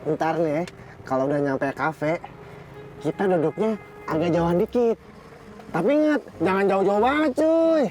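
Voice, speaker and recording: A man's voice: high voice, normal speed, pauses often, faint music behind. An actor playing a chatty, teasing young man who talks. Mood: joking. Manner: loud teasing banter, lively swings. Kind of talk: sitcom acting.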